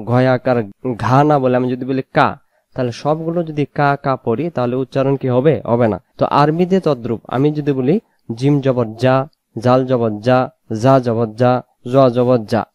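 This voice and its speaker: A man from Bangladesh, speaking Bengali with a Bangladeshi accent, teaches how to pronounce Arabic letters for Quran recitation, slowly repeating each sound. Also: medium pitch, darkish tone, no echo. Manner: slow, repetitive drilling of letter sounds; sometimes sings out the letters. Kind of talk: spoken tutorial on Arabic letter pronunciation.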